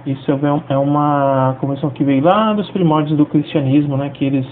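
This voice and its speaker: A man's voice: a little high, fairly even intonation, brisk. A Brazilian man teaching a language lesson in an explanatory way, checking in with listeners between phrases. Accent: Brazilian Portuguese. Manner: explanatory, fills with frequent tag questions. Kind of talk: video lesson. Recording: tinny lo-fi audio with faint hiss.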